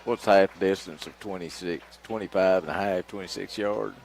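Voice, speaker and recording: A man's voice: deep voice, fairly even intonation, moderate pace, creaky, darkish tone, slight background noise. A man with a Southern US accent giving casual, folksy color commentary on a live football game. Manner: folksy, plain-spoken.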